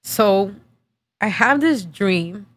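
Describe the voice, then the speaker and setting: A woman's voice: medium pitch, lively intonation, drawn-out words, dry recording. A woman in her thirties hosting a podcast, telling a personal story in a casual, candid way with many fillers, tearful and emotional. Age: 30s. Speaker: podcast host.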